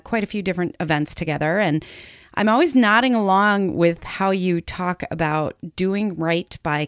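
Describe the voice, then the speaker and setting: A woman's voice: mid-range voice, dry recording. An upbeat woman host with a mid-range voice leads the interview, cheerful and encouraging toward her guest. Her voice is recorded close and dry, with no room sound around it. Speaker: podcast host. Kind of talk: interview hosting.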